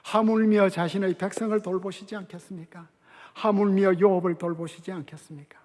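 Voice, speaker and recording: An older man preaching a sermon as a guest pastor, emphatic and measured, with dramatic pauses and hushed drops in his voice. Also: high voice, steady tone. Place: large church sanctuary. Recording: long church hall reverb.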